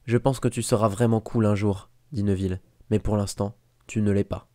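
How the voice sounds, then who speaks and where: A shy, timid young schoolboy from a storybook, speaking in a small, trembling voice, as a man puts him on. The tone is raised a little above the reader's own and stays mellow and dry. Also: lowish voice, steady tone, moderate pace, no room sound, natural voice. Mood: calm reproach. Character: timid eleven-year-old schoolboy, shy and hurt.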